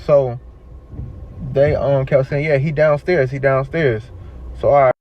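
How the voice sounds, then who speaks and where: A man's voice: medium pitch, unhurried. A man telling a personal story in casual talk, acting out the voices of the people in it. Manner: animated, acts out voices and siren sounds. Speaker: guest storyteller. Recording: slightly dull with faint noise.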